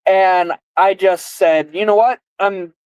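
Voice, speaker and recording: A woman's voice: mid-range voice, steady tone, slow, a little mellow, clean tone, no echo, poor audio. A woman in her twenties hosting a casual live guessing game, with slurred, lisping speech from a mouth guard. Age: 20s. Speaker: live stream host.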